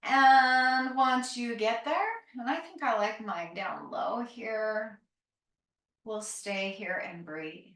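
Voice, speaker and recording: A woman yoga instructor leading a calm grounding exercise, giving gentle, unhurried, encouraging cues for stretching and breathing, with phrases that end softly. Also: fairly high pitch. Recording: roomy, echoing, distant microphone.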